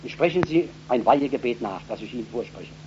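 A man preaching a live revival sermon to a congregation, fervent and repetitive, bursting into loud emphatic peaks. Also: medium pitch, lively intonation, quick pace. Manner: repeats words and phrases. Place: revival meeting in front of a congregation. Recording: dull old recording with faint hum.

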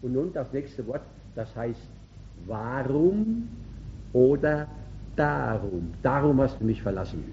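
A man preaching a sermon emphatically, swinging between loud calls and quiet asides. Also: medium pitch, moderate pace, few pauses, highs cut off.

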